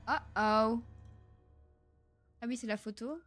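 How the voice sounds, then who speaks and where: Excitable young woman streaming a game. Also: on the high side, slow pace, no room sound, faint music behind. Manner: excitable, swears and laughs often, chats to viewers. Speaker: streamer playing a horror game. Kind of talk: live gameplay commentary.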